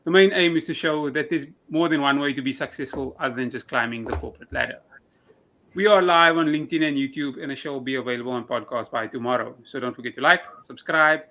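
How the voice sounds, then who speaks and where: A man's voice: mid-range voice, quick pace, pushed and bright. A man hosting an interview podcast, giving an upbeat, scripted welcome and asking questions. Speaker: show host. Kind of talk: podcast host intro and questions.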